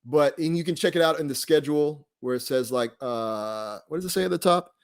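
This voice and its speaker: Hosting a livestream for an online group, this man speaks a little fast in a clean, high-leaning voice. His talk is unscripted, relaxed and rambling, frequently drifting off before finishing a thought.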